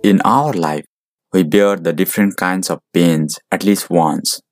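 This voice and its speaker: A man narrating a moral story in a slow, deliberate, explaining way. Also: low-pitched, faint music behind.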